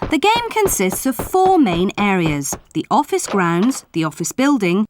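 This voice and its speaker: A woman's voice: mid-range voice, big pitch swings, a little slow, noisy background. A woman reading scripted promotional narration in a polished, enthusiastic presenting manner. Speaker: video game newsreel narrator. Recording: music bed behind the voice.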